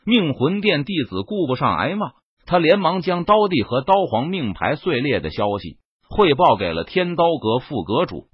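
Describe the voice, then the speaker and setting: A man narrating a web novel audiobook in an expressive, dramatic storytelling manner. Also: a little high, normal speed, slightly rough, no echo. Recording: dull lo-fi dry recording.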